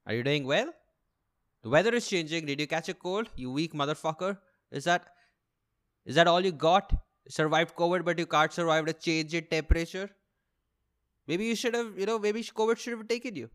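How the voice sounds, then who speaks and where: In a clear, resonant voice that's on the high side and a bit bright, a young man with an Indian accent talks fairly quickly on his solo comedy podcast. He rambles casually and complains, swearing, mocking himself and restating things over and over.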